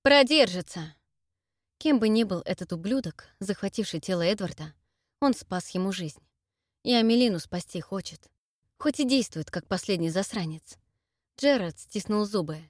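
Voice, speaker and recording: A woman reading a fantasy audiobook in measured scripted narration. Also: mid-range voice, lively intonation, a little mellow, no echo, studio quality.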